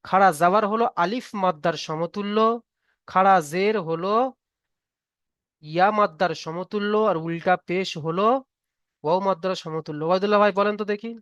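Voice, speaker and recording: A man with a high voice teaches an online class, patient and methodical, repeating each rule slowly. His voice sounds smooth and resonant. The recording is close and dry. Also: steady tone, a bit bright, no echo, highs cut off. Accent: Bengali. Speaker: online Quran reading teacher. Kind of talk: live online class lesson.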